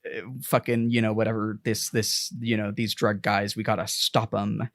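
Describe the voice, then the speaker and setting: A man's voice: fairly low pitch, little pitch movement, moderate pace, no echo, clean studio sound. Rambling, swearing man on a podcast. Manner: rambling, swears often, laughs a lot. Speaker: podcast co-host. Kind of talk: casual chat.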